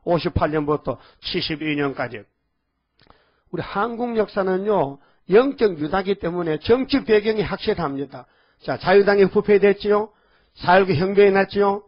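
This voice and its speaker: A man preaching a sermon in a folksy, rambling way, often calling out to the congregation with quick questions. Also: high-pitched, lively intonation. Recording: dull lo-fi audio.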